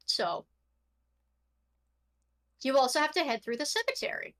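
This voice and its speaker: A woman running a tabletop game as game master, narrating scenes slowly and descriptively between casual chatter. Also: sits high, huge pitch swings, a bit bright. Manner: eating while narrating, slow descriptive narration.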